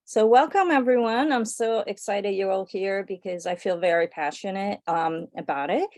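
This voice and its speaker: A woman's voice: medium pitch, moderate pace, darkish tone, no echo. A woman from Italy with an Italian accent, giving an enthusiastic online presentation over a video call and chatting her way through it with fillers. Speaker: guest speaker.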